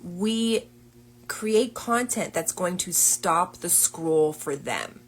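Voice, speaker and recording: A woman's voice: on the low side, animated, slow, slight background noise. A woman business coach chatting casually on a livestream, upbeat and full of fillers.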